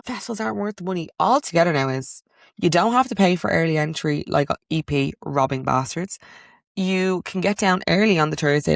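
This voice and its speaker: A young Irish woman hosting a casual podcast, telling stories in a chatty way with quick asides and animated outbursts. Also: low-pitched, creaky, no room sound, clean studio sound. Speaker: podcast host. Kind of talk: casual chat.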